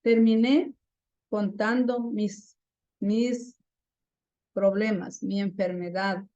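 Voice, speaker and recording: A woman's voice: medium pitch, steady tone, extremely slow, warm tone, dry recording, dull audio. A woman teaching a class on active listening, often asking her students questions and tagging her points with a questioning "¿no?". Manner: asks the class frequent questions, adds "¿no?" often. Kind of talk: classroom lesson.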